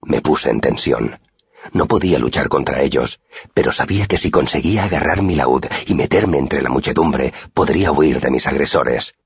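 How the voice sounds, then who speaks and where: A man narrating a first-person fantasy audiobook in an expressive storytelling manner. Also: a bass voice, moderate pace, vocal fry, slightly rough, no echo, dull audio.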